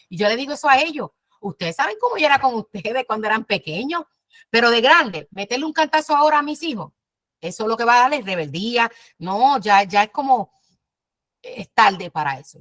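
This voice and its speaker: A woman's voice: on the high side, a bit bright, no echo. A woman, perhaps in her fifties, teaching mothers at church in an earnest, direct, exhorting way. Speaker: women's ministry teacher.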